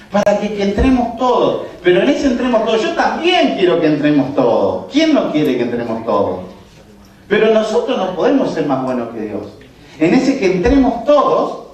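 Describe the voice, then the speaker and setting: A male pastor preaching a sermon, speaking slowly and forcefully and putting questions to his congregation. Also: high voice. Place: church hall. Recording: echoey church from far off.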